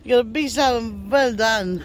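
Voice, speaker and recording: A woman with a fairly high voice films a fishing trip on a seaside pier using a handheld phone, with slight background noise. She narrates casually and chattily, laughs a lot, and keeps her phrasing slow and simple.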